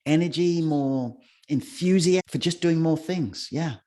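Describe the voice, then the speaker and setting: A man's voice: fairly high pitch, unhurried, dark tone. A middle-aged man, a guest in a casual interview, telling rambling anecdotes with restarts and acting out quotes. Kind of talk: casual storytelling conversation.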